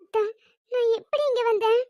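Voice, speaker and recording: A chatty, curious teenage girl, voiced by a high-pitched performer, presses her questions in a bright, insistent voice in an audio drama. The voice is very high and completely dry. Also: steady tone, normal speed, no echo, muffled recording. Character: cheerful, curious teenage younger sister.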